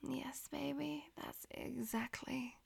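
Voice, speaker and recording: A woman voicing a dominant, teasing female demon in an audio roleplay, speaking mostly in breathy, domineering whispers. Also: high voice, fairly even intonation, slow pace, full character voice.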